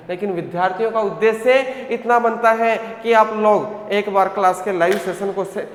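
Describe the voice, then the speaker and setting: A male teacher giving an online coaching lecture, drilling his students with repeated questions and answers and calling them "beta". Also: high voice. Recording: echoey hall sound.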